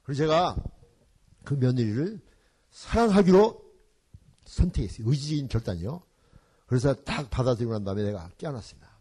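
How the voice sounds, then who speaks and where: An older man, a church elder, giving a parenting seminar and telling family stories with animated, acted-out scenes and English phrases mixed in. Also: mid-range voice, brisk, pauses often, husky. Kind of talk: seminar talk with storytelling.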